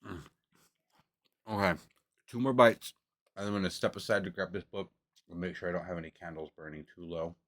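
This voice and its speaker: Man, very low voice, dry close sound, casual rambling stream talk, swears a lot, camera on the table at home. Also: steady tone, moderate pace, pauses often, fairly bright tone, no echo. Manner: rambling, loose and profane, talks with mouth full at times. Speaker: streamer doing tarot readings. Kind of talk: casual livestream chat.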